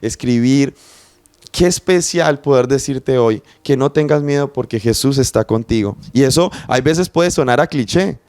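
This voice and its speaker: A man's voice: mid-range voice, moderate pace, darkish tone, dry recording. A young man preaching a sermon, earnest and passionate, speaking directly to the listener.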